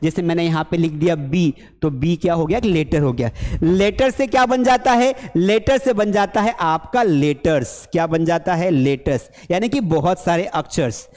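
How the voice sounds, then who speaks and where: High-voiced chatty Indian teacher, reverberant room. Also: male voice, moderate pace, a little mellow. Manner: chatty, asks and answers his own questions, mimics students. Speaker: English teacher. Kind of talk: classroom-style spoken English lesson.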